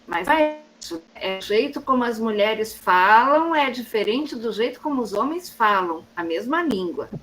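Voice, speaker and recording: A woman's voice: on the high side, animated, moderate pace, few pauses, a bit bright, low-quality recording. A woman hosting a study group discussion, who clarifies points patiently and rephrases them. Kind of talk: casual discussion.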